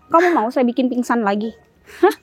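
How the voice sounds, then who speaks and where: A woman's voice: on the high side, expressive, a little fast, husky, soft background music. An actress playing an impatient young female kidnapper who snaps curt orders at her captive in a web drama. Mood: threatening. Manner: scolding, curt commands. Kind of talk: amateur web drama acting.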